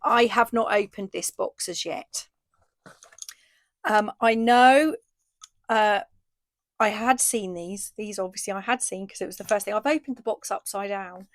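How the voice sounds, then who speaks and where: A woman from the UK, a craft shop owner chatting through a casual video update and an unboxing, says she is losing her voice and gets excited over each item. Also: medium pitch, unhurried, pauses often, no echo. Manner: chatty, enthusiastic, frequent ooh and fillers.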